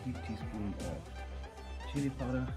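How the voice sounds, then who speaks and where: A man's voice: mid-range voice, expressive, slow, over loud music. Middle-aged man with a Durban Indian accent. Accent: Durban Indian South African. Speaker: cooking show host. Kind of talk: casual cooking demonstration. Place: home kitchen, indoors.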